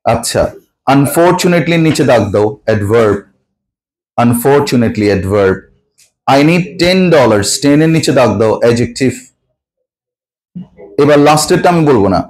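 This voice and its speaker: A man's voice: medium pitch, expressive, normal speed, long pauses, darkish tone, poor audio. Male teacher quizzing a class. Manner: asks students questions often, mixes Bangla and English. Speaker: English teacher. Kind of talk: classroom grammar lesson.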